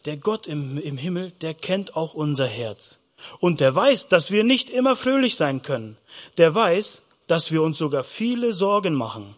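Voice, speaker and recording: A man giving a children's sermon, telling it in a lively way and asking the children questions. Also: on the high side, normal speed. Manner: animated storytelling, asks the children questions. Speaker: pastor.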